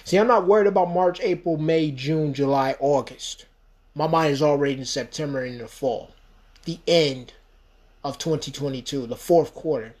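Here a man in his thirties from the US runs his podcast solo, speaking at a normal speed in a higher-leaning voice with a darkish tone. He rambles with emphasis and keeps saying "you know."

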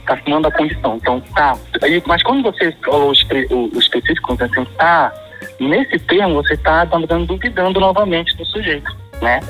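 A man's voice: fairly high pitch, brisk, a bit bright, faint music behind, poor audio. A man with a Paraense Brazilian Portuguese accent, explaining regional slang at length in a casual chat. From Pará, Brazil. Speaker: guest discussing slang.

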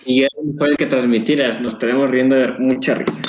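A man's voice: medium pitch, steady tone, fast, roomy sound, lo-fi sound, a crowd in the background. A Mexican man co-hosting a live-streamed podcast, playfully mocking the others. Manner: playful, mocking, goofy wordplay. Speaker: podcast co-host. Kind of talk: casual group chat on a live stream.

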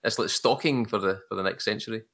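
A man with a strong Glaswegian accent talks in a relaxed, chatty way and laughs easily. His voice sits a little low. It is a casual podcast conversation. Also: fast talker, slight background noise. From Scotland.

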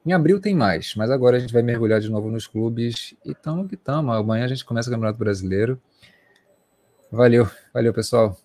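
A man's voice: mid-range voice, fairly quick, warm tone, no room sound. A man with a Brazilian Portuguese accent, co-hosting a sports talk show and reflecting casually at the close, rambling with fillers. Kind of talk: casual wrap-up chat.

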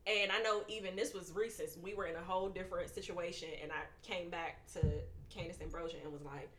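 A woman co-hosting a podcast, chatting casually with friends in an animated, emphatic, slangy way. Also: lowish voice, quick pace, roomy sound. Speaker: podcast co-host. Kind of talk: casual chat among friends.

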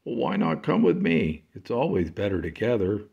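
A man voicing a kind, gentle male dog in a storybook, encouraging and earnest. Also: low-pitched, big pitch swings, moderate pace, creaky, husky, dull audio, exaggerated voice.

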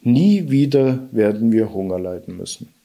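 Anxious storybook widow, scolding, husky, read by a man. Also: on the low side, animated, normal speed, warm tone. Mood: worried. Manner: scolding with worry. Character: poor widowed mother, anxious and loving. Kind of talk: storybook reading.

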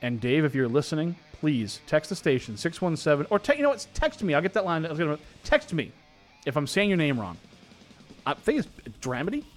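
A man's voice: a little high, wildly swooping pitch, fairly quick, soft background music. A man with a Boston accent hosting a radio show in casual, jokey banter, rambling and repeating words, with some swearing.

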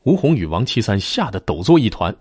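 Husky man narrating a ghost story dramatically. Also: on the low side, fairly quick, no room sound, studio quality. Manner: dramatic, expressive.

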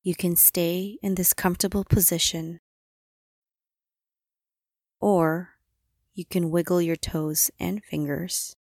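Slow, soothing woman guiding meditation. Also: fairly low pitch, no room sound, clean studio sound. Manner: calm, soothing, unhurried instructions with long pauses. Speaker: meditation guide. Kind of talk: guided body-scan meditation.

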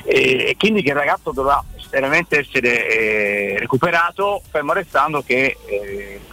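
A man speaks over a phone line to a radio show. He is measured and articulate, pausing often. His voice sits in the middle of the male range. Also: medium pitch, bright, forceful tone. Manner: measured, articulate, many "eh" fillers. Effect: heard over the phone. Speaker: radio caller. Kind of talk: casual call-in chat.

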